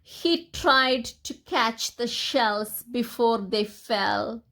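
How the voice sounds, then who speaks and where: Reading picture books to young children, a woman uses an expressive, deliberate storytelling style in a voice on the high side.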